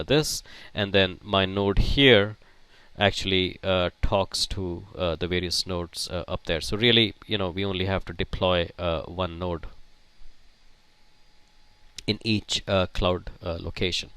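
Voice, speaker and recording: Man, IT lecturer, low smooth voice, dry close sound, lots of uh and restarts. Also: a bit bright, no room sound. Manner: halting, many fillers and restarts. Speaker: IT instructor. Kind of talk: technical lecture.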